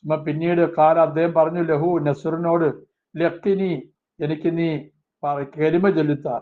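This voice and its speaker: A man teaching a religious text class. He reads Arabic phrases slowly, then explains each one quickly. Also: a little high, level tone. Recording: tinny phone-like lo-fi sound.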